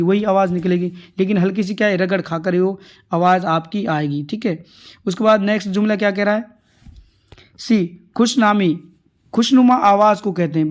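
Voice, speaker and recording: A man tutoring viewers through exam answers, asking himself questions and repeating each point for his friends watching. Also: high voice. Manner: repetitive, rhetorical questions, addresses viewers as friends. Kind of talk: answer-key lesson.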